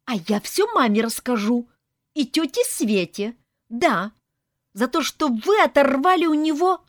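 Woman doing shrill little children. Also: a little slow, dry recording, studio quality. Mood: tattling. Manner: whiny, shrill and excited.

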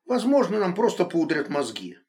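Brief: male reader as a quiet, steady young woman in an audiobook, slightly raised voice, lively inflection. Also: high-pitched, normal speed, voice pushed up. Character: young woman, calm and stubborn under pressure. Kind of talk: audiobook reading.

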